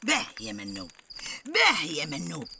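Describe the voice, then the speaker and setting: A woman's voice: huge pitch swings, moderate pace, background noise, exaggerated voice. A stubborn quarrelsome mother. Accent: southern Tunisian Arabic. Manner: insistent, quarrelsome, rising to shrill outbursts. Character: meddling middle-aged mother, stubborn and sharp-tongued. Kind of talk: radio drama acting.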